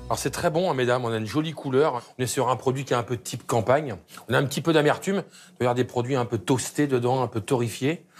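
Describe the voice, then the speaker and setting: A man talks quickly, with a mid-range voice, as he tastes and rates the bread with brisk expertise. Clear music plays behind him inside the shop, picked up by a lapel mic. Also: medium pitch. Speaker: bakery judge. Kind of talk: food tasting commentary.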